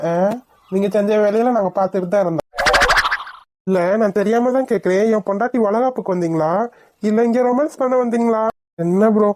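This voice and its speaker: A woman's voice: a little high, dark tone, dry recording, lightly acted. A woman voicing teasing young men in a cartoon, joking and mocking one another. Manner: bantering, mocking. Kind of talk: cartoon voice acting.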